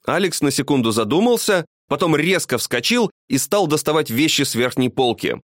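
A man's voice: on the high side, moderate pace, no echo. Male storybook narrator, dramatic read, dry sound. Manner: expressive, dramatic reading.

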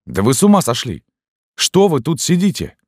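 A man reading an audiobook voices a rough-spoken but kind army canteen woman who scolds loudly and bluntly. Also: lowish voice, sing-song, moderate pace, dry recording, clean studio sound, pitched above the performer's own voice. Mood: scolding. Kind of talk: audiobook narration.

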